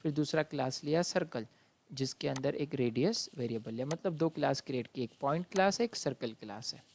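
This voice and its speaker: A male college lecturer from India walks his students through a programming lesson step by step. He is patient and fatherly, calling them "beta", and slows right down whenever he reads out a question. His pitch sits in an ordinary middle range. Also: creaky, slight background noise. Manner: reads exam questions out slowly.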